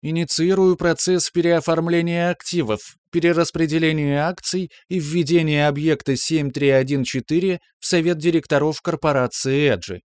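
A man voicing a spaceship's female onboard computer, giving measured, mechanical, formal announcements in a science-fiction audio story. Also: on the high side, steady tone, clean tone, no room sound, pitched above the performer's own voice, natural voice. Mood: impassive, formal.

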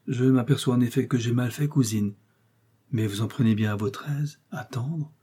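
A man reading aloud, voicing a young lovesick chevalier who pleads earnestly and softly. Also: normal speed, slightly rough, close to an everyday voice. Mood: pleading. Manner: pleading, softer and lower. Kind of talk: audiobook reading.

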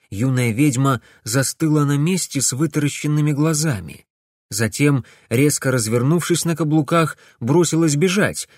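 A man narrating an adventure audiobook with steady, dramatic storytelling. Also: mid-range voice, no room sound, clean studio sound.

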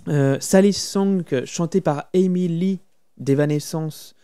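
A man's voice: a little high, slow pace, warm tone, smooth. A man co-hosting a casual podcast about film music, talking with enthusiasm and humming tunes now and then. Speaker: podcast co-host.

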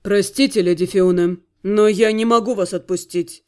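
A woman reading an audiobook voices a young nobleman count who speaks low, soft and pleading. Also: steady tone, normal speed, natural voice. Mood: entreating. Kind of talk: audiobook character voice.

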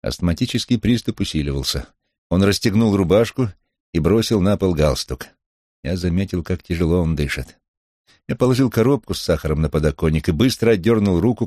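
Deep, husky male audiobook narrator. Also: expressive, a little fast, a little mellow, no echo, studio quality. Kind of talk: first-person novel reading.

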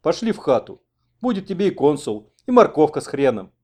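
A man voicing a gruff old village grandfather who grumbles curtly. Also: on the high side, very animated, fairly quick, mellow, voice pushed up. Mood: grumbling. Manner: grumbling, curt.

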